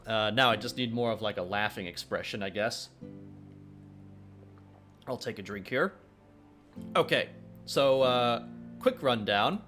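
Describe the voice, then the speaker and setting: A man's voice: mid-range voice, pushed and bright. A young man with an ordinary mid-range voice chats his way through a game dev livestream. He rambles, trips over his words with lots of uhs, and cracks corny jokes between answering chat. Faint music plays behind him at his streaming desk. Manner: rambling, full of filler sounds and restarts; jokey, reads chat questions aloud and answers them. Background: faint background music.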